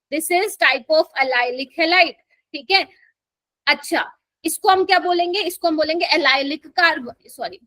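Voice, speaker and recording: Bright high-voiced woman teaching class. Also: no room sound. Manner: coaxing, keeps quizzing students and calling them "my child". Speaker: chemistry teacher. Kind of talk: live classroom lecture.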